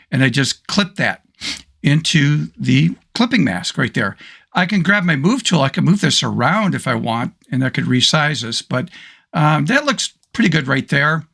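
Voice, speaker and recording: A man with a hoarse voice, casually talking through a photo editing tutorial step by step. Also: a little high, fairly bright tone. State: hoarse, losing his voice. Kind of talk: screen-recorded software tutorial.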